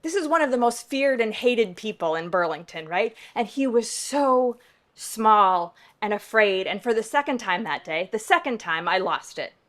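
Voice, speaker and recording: A woman pastor telling a true story to a live audience, conversational and emphatic, often tagging "right?" and dropping to a hush for effect. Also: mid-range voice, lively intonation, normal speed.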